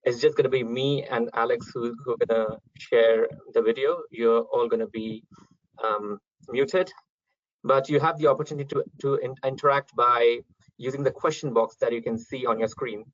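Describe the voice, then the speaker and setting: Young male webinar host, monotone, casual with fillers, dull dry call audio. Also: medium pitch, moderate pace, no room sound. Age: young adult. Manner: relaxed, many ums. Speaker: event host, chairman. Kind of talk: online webinar introduction.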